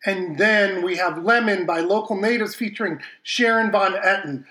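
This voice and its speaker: A man's voice: high voice, moderate pace, bright, forceful tone. A man hosting a music podcast, casually rambling and apologizing through an echoing, reverberating sound from his broken mic setup, with many fillers. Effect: echoey reverberating sound from a broken mic setup. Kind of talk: casual chat introducing songs. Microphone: faulty home podcast mic.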